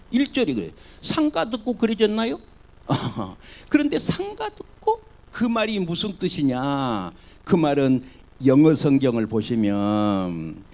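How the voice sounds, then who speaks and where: Animated, gravelly-voiced Korean pastor preaching. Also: male voice, fairly high pitch. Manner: animated preaching, swinging from loud cries to soft murmurs. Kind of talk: sermon.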